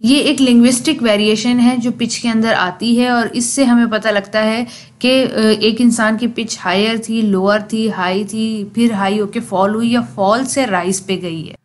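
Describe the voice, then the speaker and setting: A young woman gives a lecture, her voice sitting a little high. She works through each point step by step and says examples aloud. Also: fairly even intonation, a little slow. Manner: explains step by step with spoken examples. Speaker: teacher.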